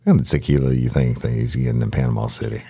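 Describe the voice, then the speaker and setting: A man's voice: very deep voice, steady tone, racing, creaky, noisy background. A man co-hosting a podcast, talking in a natural, unscripted way with boisterous, joking banter. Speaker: podcast co-host. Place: podcast studio.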